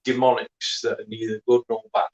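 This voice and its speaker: A man's voice: medium pitch, little pitch movement, a little fast, highs cut off. A man with a Northern English accent co-hosting a casual podcast, making dry, blunt quips. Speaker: podcast co-host. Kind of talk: casual chat.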